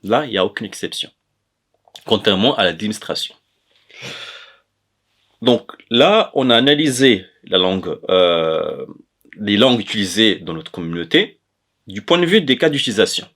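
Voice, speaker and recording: A man from the Comoros hosts an educational language chronicle in a lowish, sing-song, slightly bright voice at normal speed with frequent pauses. His informal explanations come hesitantly, with many self-corrections.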